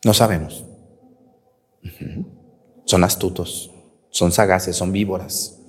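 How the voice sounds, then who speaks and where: Teasing priest in a reverberant church. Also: male voice, low-pitched, steady tone, takes it slowly. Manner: colloquial, teasing, rhetorical questions to the congregation. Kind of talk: homily at Mass. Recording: long reverb of a large church.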